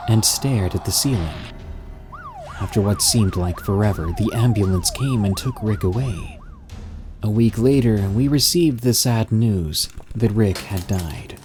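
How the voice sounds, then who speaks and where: A man from the Netherlands tells a horror story in a low voice with a lively, rising and falling delivery. He reads it in an earnest, steady way. Faint music sits behind him. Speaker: care worker. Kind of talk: scripted horror narration.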